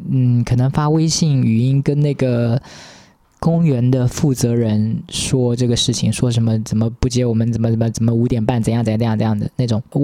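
A man telling a story as a podcast host in a casual monologue, exasperated and animated as he retells it. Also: medium pitch.

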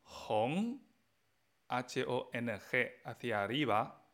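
Guy teaching a language podcast, super slow and patient, spelling out tones bit by bit. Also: medium pitch, a bit bright. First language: Mandarin Chinese. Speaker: Chinese teacher.

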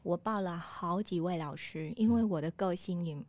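Vietnamese-accented woman, foreigner speaking Mandarin, lowish voice. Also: moderate pace, darkish tone. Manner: foreigner speaking Mandarin as a learned language, in short phrases. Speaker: calligraphy artist, interview guest. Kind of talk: conversational interview storytelling.

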